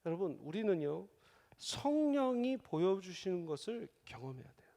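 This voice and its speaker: A man, a senior pastor, preaching a sermon, alternating quiet asides with loud exhortations and slowing down to stress key phrases. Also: high-pitched, very animated, creaky, in a large hall. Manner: slows and stresses key phrases, asks the congregation to agree. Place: church sanctuary.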